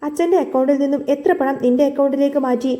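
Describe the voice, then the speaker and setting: A woman's voice: sits high, racing, mellow, natural voice. A woman reading a firm, accusing young heroine. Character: determined young woman seeking justice.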